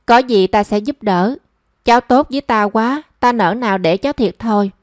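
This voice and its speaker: A kind, ailing elderly woman speaks gently and protectively, voiced by a woman narrator. The voice is fairly high and close, with a dry sound. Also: normal speed, dry recording, lightly acted. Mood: concerned. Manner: gentle, caring and coaxing.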